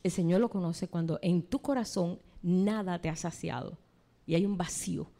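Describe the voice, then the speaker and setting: A woman's voice: lowish voice, moderate pace, creaky, mellow. A woman preacher giving a sermon, retelling a scripture story and addressing the congregation directly.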